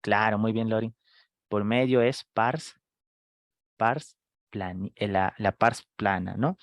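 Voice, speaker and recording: A man teaching a live online medical class, firing quick questions at students and acting out screaming patients. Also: on the low side, no room sound. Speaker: medical lecturer.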